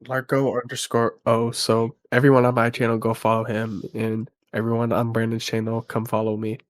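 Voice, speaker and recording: A sick man with a nasal voice, talking low and quiet in a casual movie review chat, halting with fillers. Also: monotone, dry recording. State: sick, congested.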